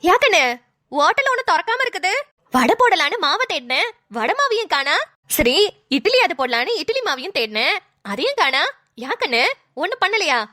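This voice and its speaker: A motherly old village woman fusses and worries aloud, played by a woman. Her voice is high and swoops up and down. The sound is close and dry. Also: very animated, normal speed, bright, forceful tone, no room sound, exaggerated voice. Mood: fussing, concerned. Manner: fussing, motherly, calls others dear. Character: kindly older village woman, hotel keeper. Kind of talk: cartoon voice acting.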